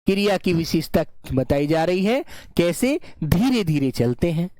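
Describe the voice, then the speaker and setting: A man teaching an online grammar lesson, slowly dictating example sentences, repeating phrases and checking that his students follow. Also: on the high side, very animated, warm tone, no room sound, studio quality. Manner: repeats phrases and keeps checking the class understands.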